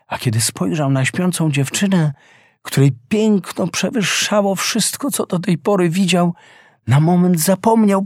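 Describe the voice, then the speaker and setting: A man reads a fairy tale aloud at an unhurried pace. His voice moves expressively up and down at a middle pitch. The recording is close and dry. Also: slightly rough, dry recording. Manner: expressive, measured storytelling. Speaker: narrator.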